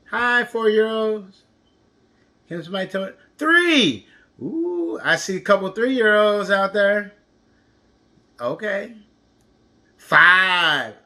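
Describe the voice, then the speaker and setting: A man's voice: high voice, a bit bright. A man teaching an interactive counting lesson to young children, encouraging, with exaggerated reactions and lots of questions.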